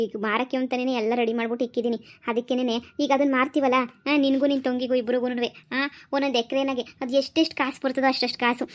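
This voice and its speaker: A woman's voice: sits high, close to an everyday voice. A woman playing a doting village mother who soothes and reassures. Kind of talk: village comedy skit acting.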